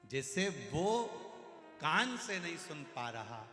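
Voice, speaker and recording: A man giving a devotional sermon, telling a story in an animated, lively way before a large gathering. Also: a little high, slow, soft background music. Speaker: katha preacher. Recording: echoey hall over a PA.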